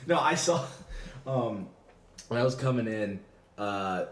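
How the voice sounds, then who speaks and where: A man's voice: mid-range voice, expressive, slow pace, slight background noise. Rambling man hosting a roomy podcast. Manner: rambling, filler-heavy storytelling with frequent laughter. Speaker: podcast host. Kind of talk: casual chat. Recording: roomy echo.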